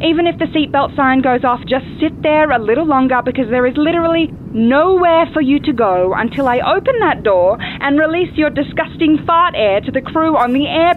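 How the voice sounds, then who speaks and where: Woman acting tinny-intercom flight attendant, blunt and fed-up. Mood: exasperated. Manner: flight attendant announcement delivery, politely formal yet blunt. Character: blunt, fed-up female flight attendant making cabin announcement. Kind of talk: scripted comedy sketch. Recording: tinny intercom sound, loud cabin rumble.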